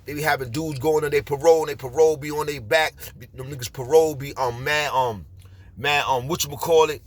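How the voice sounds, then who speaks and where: A man's voice: a little high, a bit bright. A man with a Bronx accent telling a street story casually, rambling with slang and frequent fillers. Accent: New York Bronx.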